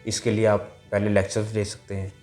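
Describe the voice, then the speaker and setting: Low-voiced guy teaching a language lesson, says everything twice, sounds out syllables slow, faint music behind. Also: completely flat delivery, a little mellow. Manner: patient, repeats each point several times.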